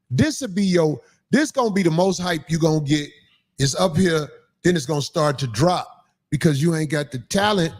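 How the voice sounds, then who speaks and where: A man hosting a livestream, telling stories in casual chat with animated, profane delivery. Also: high voice. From Chicago, Illinois. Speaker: livestream host.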